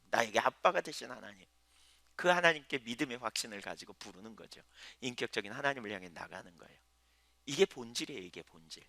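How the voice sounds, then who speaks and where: A man's voice: mid-range voice, vocal fry, bright, forceful tone, no echo. A male pastor preaching a sermon in a conversational way, asking his listeners questions, letting his voice swell and then drop almost to a whisper.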